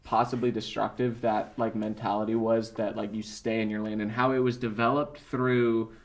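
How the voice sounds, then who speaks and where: Gravelly man rambling casually. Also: lowish voice, flat delivery, normal speed. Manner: rambling, casual, swears freely. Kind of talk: casual podcast chat. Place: podcast studio.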